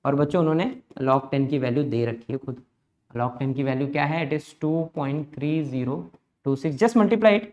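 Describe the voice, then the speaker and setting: A man, teaching maths in a brisk lecture and coaxing students through each step. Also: mid-range voice, darkish tone, dull audio. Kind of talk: lecture mixing Hindi and English.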